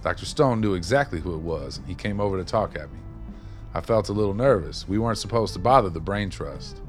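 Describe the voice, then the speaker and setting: In a radio play, an actor plays a streetwise, wry former maintenance man who reminisces in folksy, colloquial stories. His voice is low-pitched and expressive, a little fast, with soft background music.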